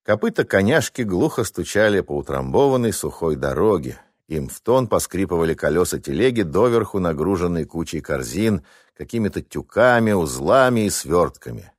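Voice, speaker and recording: A man narrating an audiobook chapter with an expressive reading. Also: deep voice, no echo, clean studio sound.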